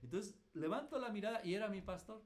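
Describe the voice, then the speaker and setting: A man's voice: sits high, expressive, fast. A middle-aged Mexican man, a pastor teaching a class, telling self-mocking stories in a colloquial way. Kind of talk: lively teaching with personal anecdotes.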